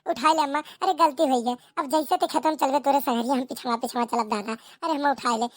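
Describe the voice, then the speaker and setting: A woman's voice: sits high, steady tone, fast, dry recording, studio quality, lightly acted. Kallu, a woman voicing a whiny Awadhi lad. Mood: wailing. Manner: whining, pleading, melodramatic. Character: whiny, lazy young man Kallu. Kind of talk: cartoon comedy voice acting.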